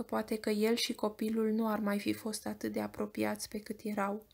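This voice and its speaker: A woman with a Romanian accent reading an audiobook in a measured storytelling voice. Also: mid-range voice, creaky, darkish tone. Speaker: audiobook narrator.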